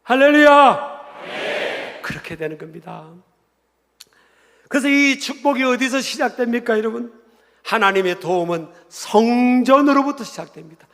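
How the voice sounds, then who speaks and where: A middle-aged male pastor preaching an emphatic sermon in a church, asking the congregation questions and building to shouts. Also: very high-pitched, expressive, normal speed. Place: church sanctuary. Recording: church hall reverb.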